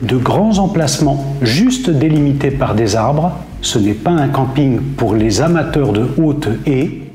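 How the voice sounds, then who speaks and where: A man in his fifties presenting a campsite in a steady, clearly scripted travel-vlog narration, seated at a table facing the camera. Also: medium pitch, a little slow. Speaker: travel vlogger. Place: indoor room with brick wall. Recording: roomy echo with soft music behind.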